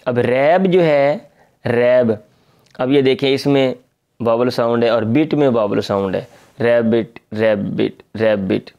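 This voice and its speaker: A man teaching young children English, taking each phrase very slowly. His voice sits at an ordinary middle pitch. He repeats words patiently and clears his throat from time to time. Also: dull audio. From Pakistan. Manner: reads each English phrase slowly, then explains it in Urdu. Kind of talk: slow line-by-line lesson translating English into Urdu.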